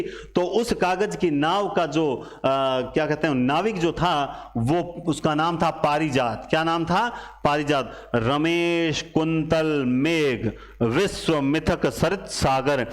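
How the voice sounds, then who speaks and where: Man, higher pitched, literature teacher, exam coaching class, repeats question and answer drills, animated delivery. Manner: recites poetry lines with feeling.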